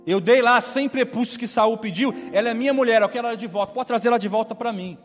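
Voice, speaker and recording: An insistent, demanding king, as a preacher puts him on, pressing his claim in a high voice. The sound has a long hall reverb and quiet music behind it. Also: fast talker.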